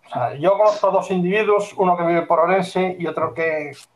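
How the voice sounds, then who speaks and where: A man's voice: high-pitched, moderate pace. A man co-hosting a casual online chat, joking and self-mocking as he tells work stories over a video call. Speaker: co-host; freelancer. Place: room in Vigo. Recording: roomy echo, faint background hum.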